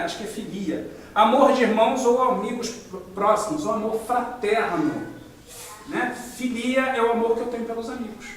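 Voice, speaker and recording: A man's voice: sits high, fairly bright tone. A Brazilian man leading a spiritist study group, explaining ideas with frequent rhetorical questions and a habitual "né?". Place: meeting room of a study group. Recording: echoey room, distant mic.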